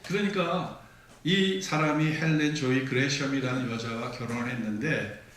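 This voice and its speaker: A man's voice: mid-range voice, a bit bright, a little hiss or hum. A man preaching a sermon as pastor, telling stories and acting out the lines of the people in them. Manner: storytelling, acts out quoted dialogue. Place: church sanctuary. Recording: echoey church hall, mic from a distance.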